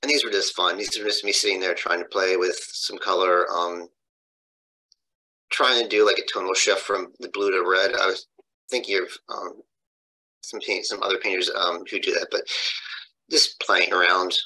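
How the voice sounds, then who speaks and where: Man, low voice, very bright, casual rambling artist talk. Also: steady tone, moderate pace, a little hiss or hum, low-quality recording. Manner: loose, rambling, trailing off.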